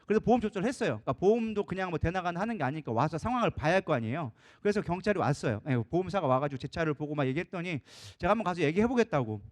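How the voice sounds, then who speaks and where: Lively fast-talking male pastor. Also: high voice. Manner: animated, acts out quoted dialogue. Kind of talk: storytelling sermon. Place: church service.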